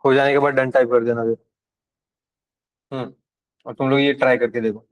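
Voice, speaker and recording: A man's voice: mid-range voice, level tone, normal speed, muffled recording. Man teaching a coding class, casual. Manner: casual and direct with students, switching between Hindi and English terms. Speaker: programming instructor. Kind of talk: live classroom lecture.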